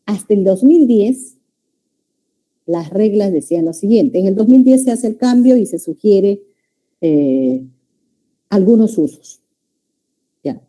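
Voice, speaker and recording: A woman's voice: mid-range voice, animated, takes it slowly, long pauses, mellow. A woman teaching a language class, lecturing students and often checking that they follow. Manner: addresses students as "jóvenes", checks understanding with "¿ya?".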